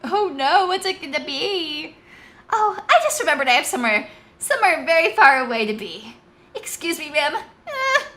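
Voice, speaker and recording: A woman's voice: sits high, sing-song, moderate pace, bright, forceful tone, pitched above the performer's own voice, heavily acted. A woman voicing a flustered young female knight who stammers nervously in a game dub. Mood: panicked.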